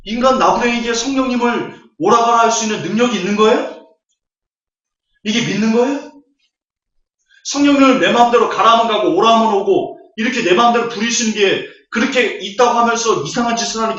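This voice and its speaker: A man's voice: extremely high pitch, fairly quick, a bit bright. A man preaching a Bible lecture, scornful and full of rhetorical questions. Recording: echoey hall, distant, dull audio.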